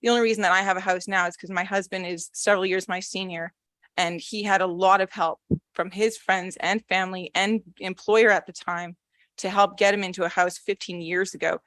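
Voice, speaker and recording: A woman's voice: medium pitch, steady tone, brisk, a bit bright, no room sound. Young woman at a podium mic, shaky but blunt, dry close sound. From Canada. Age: young adult. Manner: nervous but blunt, frustrated. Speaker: resident speaking at a public hearing. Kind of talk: public comment. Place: council chamber.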